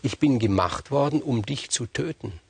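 A man voicing a tiny male scorpion with a fine, thin voice who makes calm, quiet threats in a spoken myth. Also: medium pitch, normal speed, gravelly, slightly rough, no echo, voice pushed up, full character voice. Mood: quietly menacing.

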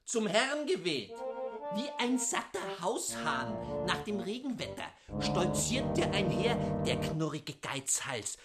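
A woman acting a mocking old male doctor in a radio play, with a lively, sneering delivery. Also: fairly low pitch, slow pace. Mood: scornful. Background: guitar music.

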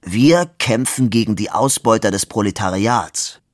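A man's voice: lowish voice, a little slow, dry recording, clean studio sound, lightly acted. A man reading aloud as a wounded working-class man who speaks bluntly and defiantly. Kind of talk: literary reading.

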